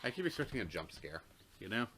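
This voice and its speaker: A man's voice: lowish voice, sing-song, fast talker, a bit bright, a little hiss or hum. A man co-hosting a game playthrough, reading the game's narration aloud and chatting. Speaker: let's play co-host.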